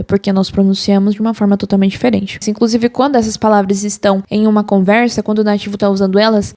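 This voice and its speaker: A Brazilian woman with a Brazilian Portuguese accent giving a casual online English lesson, explaining patiently and repeating words slowly. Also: mid-range voice, darkish tone. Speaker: English teacher.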